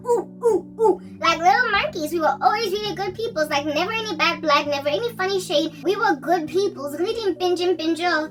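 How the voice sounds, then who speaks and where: A South African woman in her forties, telling a story in an animated way and laughing often as she talks. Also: very high voice, fairly quick, few pauses, far from the mic, music in the background. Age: 40s. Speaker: vlogger. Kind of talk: casual storytelling.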